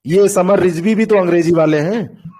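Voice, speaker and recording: A man with a notably high voice leads an online doubt-clearing class, talking over a call mic. He explains things patiently and goes back over the same examples step by step. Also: normal speed, mellow. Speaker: teacher.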